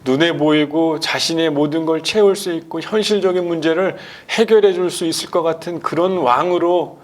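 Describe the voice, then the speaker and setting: A male pastor preaching a sermon, asking the congregation rhetorical questions and swinging between loud and hushed delivery. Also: fairly high pitch, normal speed.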